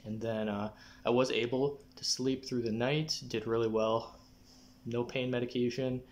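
A young adult man talking casually to camera in a personal update, often clearing his throat. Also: mid-range voice, fairly even intonation, a little slow, darkish tone. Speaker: vlogger giving a personal health update. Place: small living room, indoors. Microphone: phone or camera at arm's length.

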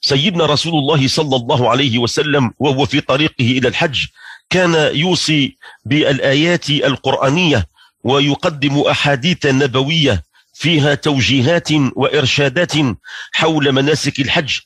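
A man giving a storytelling sermon, narrating in a measured, reverent way. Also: medium pitch, fairly bright tone, slightly rough, dry recording. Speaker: religious lecturer.

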